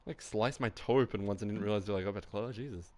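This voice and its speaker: A man's voice: lowish voice, fast talker, mellow. A young man streaming live, rambling through anecdotes in casual chat, swearing often and laughing a lot.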